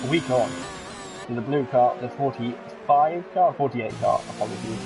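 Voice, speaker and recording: Excitable commentator calling a sim race over loud car engine noise. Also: male voice, mid-range voice, moderate pace. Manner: excitable, chatty with jokey asides. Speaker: sim racing league commentator. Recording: game engine noise under the voice. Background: racing car engine sounds from the game.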